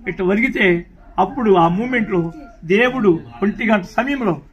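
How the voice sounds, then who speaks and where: A middle-aged man tells his life story as a pastor. His voice sits notably high, and he speaks with earnest, plain conviction. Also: normal speed, a bit bright, highs cut off. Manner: earnest storytelling, acting out prayers and God's words. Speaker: pastor giving his testimony. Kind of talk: spoken testimony in an interview.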